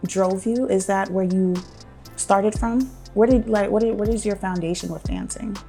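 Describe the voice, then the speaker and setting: A woman hosts a relaxed talk show interview, playful and encouraging. She backs her guest up with quick affirmations and laughs. Faint music hums behind her. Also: mid-range voice. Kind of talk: casual interview chat.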